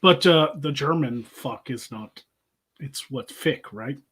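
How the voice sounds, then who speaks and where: A man's voice: mid-range voice, slow, a bit bright, slightly rough. A man with a Southern American accent on a livestream, chatting in a laid-back way, swearing freely and laughing often. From Southern United States. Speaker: guest. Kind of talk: casual livestream chat.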